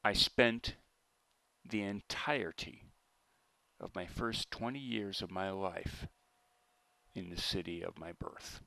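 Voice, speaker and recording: A man with a General American accent, giving a deliberate, argumentative monologue to camera with pauses and restarts. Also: low voice, steady tone, vocal fry, bright, forceful tone, dry recording. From United States. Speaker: vlogger.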